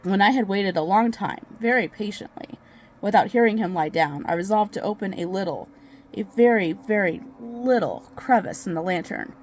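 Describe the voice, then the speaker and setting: A nervous, obsessive murderer tells a gothic horror tale, acted out by a woman in a medium-pitched voice. The delivery is hammy and theatrical, as on a stage, with words drawn out and repeated for gleeful, crazed emphasis. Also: lively intonation, moderate pace, slight background noise, lightly acted, low-quality recording. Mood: stealthy, furious. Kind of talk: dramatic reading of a gothic horror story.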